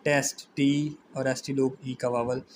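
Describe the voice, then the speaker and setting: A man's voice: medium pitch, little pitch movement, a little slow, a little hiss or hum, rough recording. A man with a Pakistani Urdu accent giving a methodical shorthand lesson, spelling out letters one at a time. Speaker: shorthand teacher. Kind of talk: classroom lecture explaining shorthand strokes.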